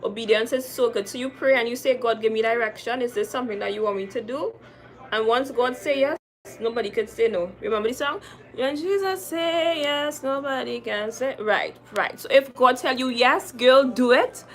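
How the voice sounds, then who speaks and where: A makeup artist in her young adult years, speaking with a Trinidadian accent, reads viewer comments during a casual livestream. Her voice is a little high and moves at a moderate pace. She stays chatty and lively, repeating phrases for emphasis and calling viewers "sis" and "girl."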